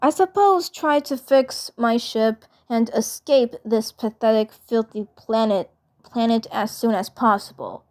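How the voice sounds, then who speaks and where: A woman's voice: fairly high pitch, measured pace, a little mellow, close to an everyday voice. A woman voicing an arrogant male cartoon alien invader who is flustered, grudging and stammering. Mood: grudging, mumbled.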